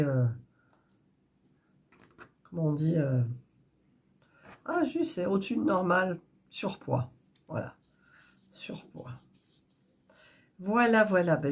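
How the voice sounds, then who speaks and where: A woman's voice: deep voice, a little mellow. A woman with a stuffy nose, chatting in a rambling, casual way while preparing embroidery threads. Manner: chatty, rambling, with frequent fillers and restarts. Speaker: cross-stitch crafter vlogger.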